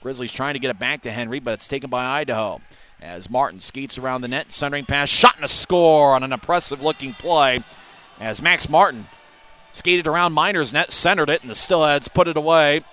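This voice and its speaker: A man giving rapid hockey play-by-play commentary as a game commentator, ready to burst into shouts on big chances. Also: medium pitch.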